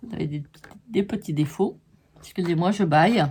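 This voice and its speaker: Speaking fairly quickly in a husky, lowish, somewhat dark voice, a woman vlogs about scrapbooking, casually displaying her paper pads. She chats as she goes, offering candid views on each sheet.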